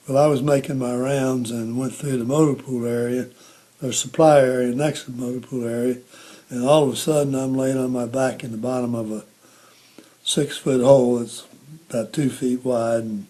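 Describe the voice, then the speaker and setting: An elderly American man, a war veteran, recalling his service in a halting, reflective interview manner. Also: mid-range voice, dark tone. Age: 80s or older. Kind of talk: reminiscing interview talk.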